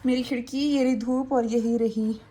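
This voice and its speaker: A woman's voice: fairly high pitch, fairly even intonation, moderate pace, mellow. A woman with an Indian accent chatting casually in a home vlog as a mother. She mixes English words into her talk and uses many fillers. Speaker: mother vlogger. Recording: echoey room, mic somewhat far.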